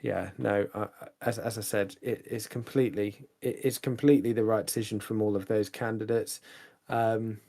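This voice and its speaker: A man's voice: fairly low pitch, level tone, moderate pace, vocal fry, warm tone. Hesitant man co-hosting a podcast. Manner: hesitant, many fillers and restarts, laughs easily. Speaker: podcast co-host. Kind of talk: casual fan chat.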